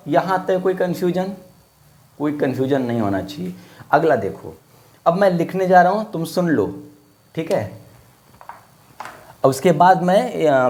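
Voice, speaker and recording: Casting: male teacher, somewhat high voice, casual friendly online lesson, drills with questions and repetition. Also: a little mellow. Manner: asks questions and repeats words for drill; casual, friendly classroom talk. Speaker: Hindi grammar teacher.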